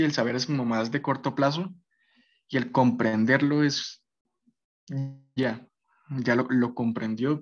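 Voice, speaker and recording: A man teaching a basic French class, explaining patiently and often checking that his students follow. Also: medium pitch. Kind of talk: basic language lesson. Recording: dull lo-fi recording.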